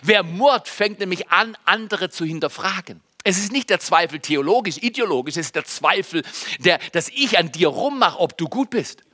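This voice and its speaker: Bright, high-voiced man preaching. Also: normal speed. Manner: animated, swings between loud emphasis and quiet asides; addresses the congregation directly. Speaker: pastor. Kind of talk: sermon. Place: church service.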